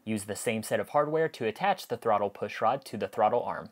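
A man's voice: on the low side, expressive, a little fast. A man giving a methodical, step-by-step instructional voice-over, often repeating himself as he explains each step. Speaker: model aircraft build instructor.

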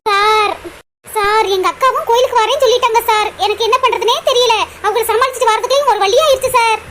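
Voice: extremely high pitch, fairly even intonation, quick pace, fairly bright tone, a little hiss or hum. A voice actor playing a timid young woman in love who pleads and frets in a cartoon. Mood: nervous. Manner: pleading, repeatedly says sir. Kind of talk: cartoon voice acting.

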